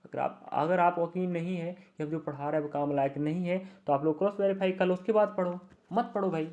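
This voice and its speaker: A young male exam coaching teacher delivers an online reasoning lesson, his fairly high voice carrying a darkish, steady tone at a slightly quick pace. He talks straight to the students, repeats key words, and reassures them often, though the audio is muffled and lo-fi.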